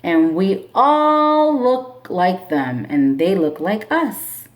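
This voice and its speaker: Here a female teacher gives a slow, expressive storybook reading of a picture book to her class before delivering classroom instructions. Her pitch is medium.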